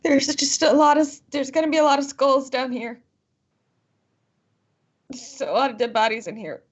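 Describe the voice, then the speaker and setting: A woman's voice: sits high, normal speed, lo-fi sound. A woman player in a tabletop horror game, chatty and thinking aloud. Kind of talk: playing a tabletop game over a call.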